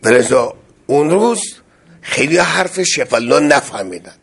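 A male preacher with a raised, gravelly voice and a husky, rough edge. He delivers his sermon with passion, pushing hard on key phrases. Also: on the high side, animated, a bit bright. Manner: impassioned, rising to emphatic outbursts. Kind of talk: religious sermon.

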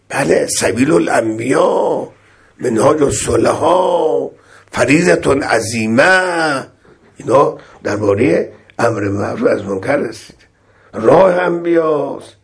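A man preaching a sermon, swinging between loud exclamations and soft recitation of scripture. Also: mid-range voice, gravelly, breathy edge.

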